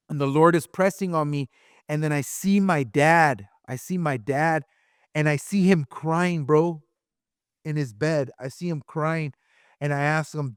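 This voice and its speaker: In a casual podcast chat, a man co-hosting the show gives an emotional personal testimony, circling back on phrases and dropping "bro" often. His voice is a little high with a clean tone, recorded studio-quality without echo.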